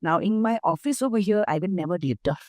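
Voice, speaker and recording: An older woman with an Indian accent, speaking as a guest in an interview, measured and emphatic as she explains through lists of examples. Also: lowish voice, darkish tone, no room sound, clean studio sound. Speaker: guest, nonprofit founder. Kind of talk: interview conversation.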